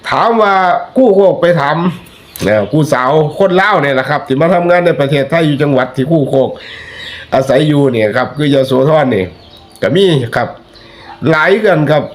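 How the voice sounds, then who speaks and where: A man's voice: on the high side, moderate pace. A man with an Isan accent giving chatty, folksy spoken commentary that turns into preachy warnings to his listeners. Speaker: online commentator.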